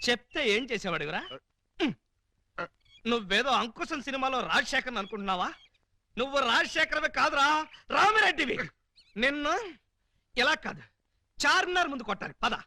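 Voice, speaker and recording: A man's voice: very high-pitched, lively intonation, fairly quick, pauses often, pushed and bright, dry recording, full character voice. An actor in a Telugu comedy film playing a drunk man who brashly mocks and insults his boss. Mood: mocking. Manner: brash, mocking, sarcastic.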